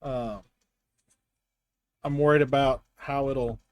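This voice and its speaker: A man's voice: mid-range voice, fairly even intonation, slow pace, a little hiss or hum. A man with a Southern US accent, chatting casually and self-deprecatingly while building a brick set on a live stream. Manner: rambling, self-deprecating, wry.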